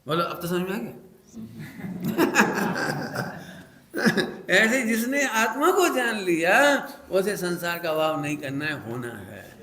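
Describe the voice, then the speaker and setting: A man's voice: sits high, big pitch swings, moderate pace, few pauses, pushed and bright, roomy sound. A man giving a teaching discourse to a congregation as a Jain preacher, playful, acting out everyday examples and singing short lines.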